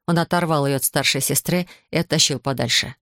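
A woman's voice: low-pitched, fairly quick, a bit bright, no room sound, studio quality. Woman narrating an audiobook.

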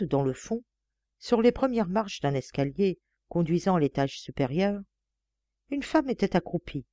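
Reading a classic novel aloud for an audiobook, this female narrator keeps a measured yet expressive delivery. Her pitch is on the low side, and there's no room sound in the recording.

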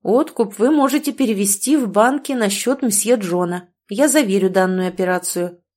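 A woman's voice: mid-range voice, normal speed, a little mellow, lightly acted. A woman reading the lines of a flustered, officious male clerk in an audiobook, in a hesitant yet self-important manner.

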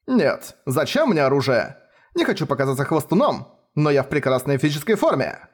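A man's voice: a little high, sing-song, fairly quick. A man voicing an overwrought young male detective who whines and pleads dramatically. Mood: excited. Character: melodramatic young male detective, wounded, whining.

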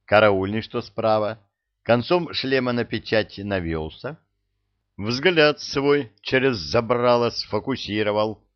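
A man narrating a first-person story as an audiobook, in a sardonic, colloquial and expressive manner. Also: on the low side, slow pace, lo-fi sound.

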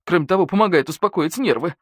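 A woman voicing a rude, streetwise male wolf under suspicion, who snaps back in gruff slang. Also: lowish voice, lively intonation, fast talker, a little mellow, dry recording, studio quality. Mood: surly. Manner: gruff, snapping slangy talk.

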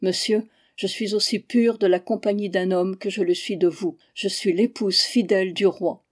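A woman's voice: mid-range voice, fairly even intonation, normal speed, lightly acted. A woman voicing a distraught imprisoned young queen who cries out in anguish and pleads her innocence. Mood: pleading.

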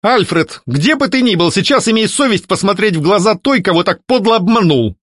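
A man's voice: a little high, very animated, moderate pace, no room sound, clean studio sound, pitched above the performer's own voice. A man voicing a young countess who questions and commands firmly. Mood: angry. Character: young widowed countess, sharp and firm.

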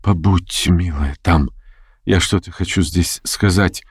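Guy doing a shaky old gent, begging softly, slow and halting, dry close sound. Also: low-pitched, slightly rough, no echo, exaggerated voice. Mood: pleading. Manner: pleading, faltering, slow. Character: frightened tearful elderly gentleman, sentimental.

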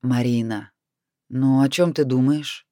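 A man's voice: medium pitch, moderate pace, a little mellow, dry recording, clean studio sound, close to an everyday voice. A man voicing a weary, teasing necromancer who mentors a young woman. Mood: wry. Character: male necromancer mentor, wry and sighing.

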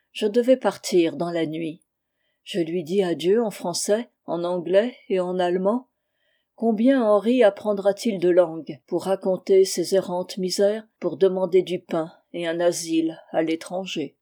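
A woman reading a literary memoir aloud in a measured, steady narration. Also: fairly low pitch. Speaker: audiobook reader. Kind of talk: scripted narration.

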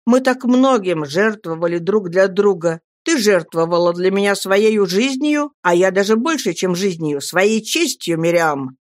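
A woman's voice: mid-range voice, expressive, measured pace, few pauses, no echo, natural voice. An ardent young Roman soldier in a storybook, speaking with proud, emphatic passion, as a woman reads him. The voice stays in a medium range, and the sound is close and dry. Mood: impassioned. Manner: emphatic, impassioned delivery.

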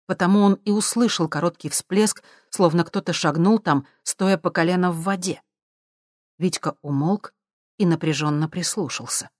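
Low-voiced woman narrating an audiobook. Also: no room sound, studio quality. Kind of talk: scripted narration.

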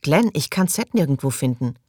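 A man's voice: a little high, sing-song, moderate pace, warm tone, no room sound, studio quality. A man reading the part of a distraught, lonely young woman in an audiobook, his voice raised and pleading. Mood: anxious, forlorn.

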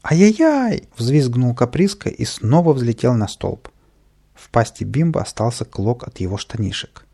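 Storybook narrator, man, gravelly and husky, dark tone. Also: medium pitch, normal speed. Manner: steady and even-paced, with lively voiced dialogue. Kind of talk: storybook reading.

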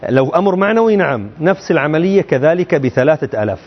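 A man's voice: on the high side, very animated, fast, lo-fi sound. A man teaching a religious text to students, often firing rhetorical questions at them in a colloquial way. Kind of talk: explaining a creed text to students.

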